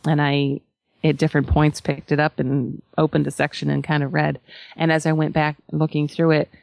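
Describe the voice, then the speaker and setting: Female spiritual teacher, low and gravelly, emphatic conversational delivery with frequent pauses. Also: a little mellow, no room sound. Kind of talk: spiritual talk to followers, conversational.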